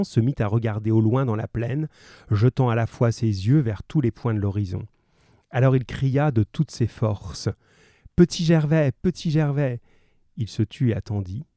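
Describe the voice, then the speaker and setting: A man's voice: medium pitch, mellow, dry recording, studio quality. A male teacher reading a novel aloud, then leading a remote class in a chatty way, with hesitations and self-corrections.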